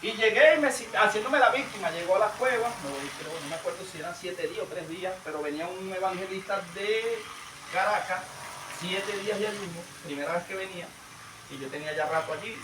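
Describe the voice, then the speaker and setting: A man preaching a sermon and telling a testimony, swinging between loud emphatic bursts and low hushed storytelling. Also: a little fast. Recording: echoey room, distant mic, noisy.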